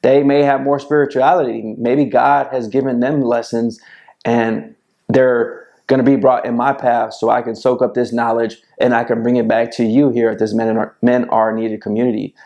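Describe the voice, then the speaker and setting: Gravelly man in his thirties, preachy. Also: mid-range voice, little pitch movement, normal speed, dark tone, highs cut off. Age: 30s. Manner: preachy, repetitive, calls the viewer "bro". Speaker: men's self-help video host. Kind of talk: direct-to-camera motivational talk. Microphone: lapel mic clipped to shirt.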